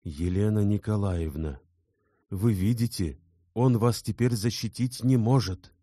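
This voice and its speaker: An anxious young gentleman speaks with earnest urgency, trying to calm and reassure, as a male reader voices him. His voice sits fairly low and a little raised. The sound is close and dry. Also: measured pace, no room sound. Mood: urgent.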